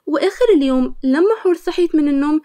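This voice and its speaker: A woman's voice: high-pitched, fast, dark tone. A woman with an Egyptian Arabic accent narrating a story, chatty and addressing her listeners fondly.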